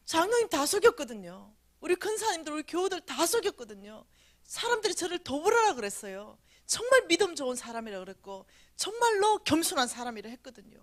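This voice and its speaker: A woman giving a revival sermon testimony in a church, swinging between loud cries and hushed whispers. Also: high-pitched. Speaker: church staff speaker. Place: church sanctuary.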